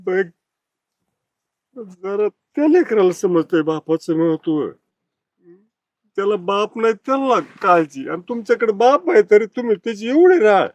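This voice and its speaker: A man's voice: high voice, expressive, a little slow, pauses often, dry recording. A man playing a weary old father who is mistreated by his son and pleads with him. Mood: bitter. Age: older. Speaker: old father in a village drama. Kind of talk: village family drama acting.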